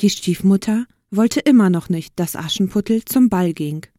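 A woman's voice: mid-range voice, animated, normal speed, mellow, no room sound, studio quality. A woman narrating a fairy tale aloud in simple, carefully phrased sentences for learners. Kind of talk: slow storybook reading for learners.

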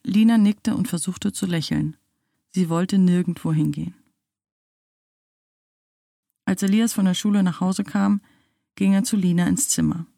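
A woman narrating a spooky storybook in a slow, measured, dramatic way. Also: fairly low pitch, fairly even intonation, gravelly, dark tone, no room sound, clean studio sound.

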